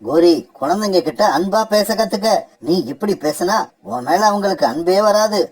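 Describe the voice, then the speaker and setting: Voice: mid-range voice, lively intonation, moderate pace, breathy edge. Voice actor doing a mild, pleading father crow. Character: gentle father crow, husband. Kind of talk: cartoon voice acting.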